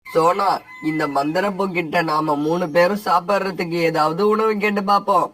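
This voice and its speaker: A man's voice: high-pitched, steady tone, moderate pace, fairly bright tone, dry recording, distant mic, faint music behind, rough recording. A man voicing a caring father sparrow in a cartoon story, calling out and questioning his daughter. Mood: concerned. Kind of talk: cartoon voice acting.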